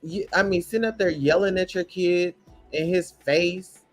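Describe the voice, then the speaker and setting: High voiced guy going off in a preachy cussing rant about a show, little music in back. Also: normal speed. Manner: blunt, profane, preachy. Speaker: show commentator. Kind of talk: reaction commentary rant.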